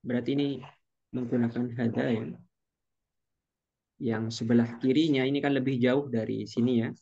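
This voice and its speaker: A man's voice: mid-range voice, level tone, normal speed, gravelly, dark tone, slightly rough, muffled recording. A man teaching an online Arabic class, patiently drawing out each Arabic phrase.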